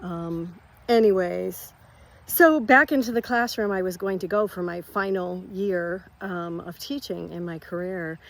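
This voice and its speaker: A woman's voice: fairly low pitch, a little slow, creaky. A woman in her fifties, a retired teacher, chatting casually and rambling through a catch-up vlog while walking outdoors on her rural property.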